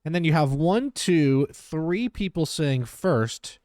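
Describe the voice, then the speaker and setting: A man's voice: fairly high pitch, animated, slow pace, darkish tone, no echo. A young man reacting to clips on a stream, tossing out blunt and sarcastic jokes. His voice swings up and down a lot as he talks. The sound is close and dry, from a desk mic at home. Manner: joking, blunt, sarcastic asides. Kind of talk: casual reaction commentary.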